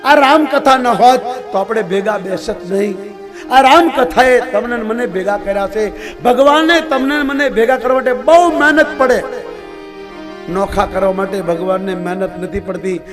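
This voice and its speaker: Man, temple preacher, fatherly exhorting sermon, high-pitched, live gathering on open ground. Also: moderate pace. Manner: fatherly, exhorting, calls listeners "my dear father". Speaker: temple mahant, scripture-story preacher. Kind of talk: live devotional scripture-story sermon. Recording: devotional music playing under the voice.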